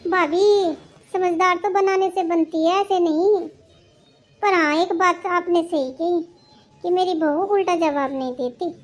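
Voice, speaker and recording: A woman's voice: extremely high pitch, steady tone, unhurried, faint music behind. A woman voicing a caring older sister-in-law who lectures her relative with advice. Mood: proud. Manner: advising, lecturing tone.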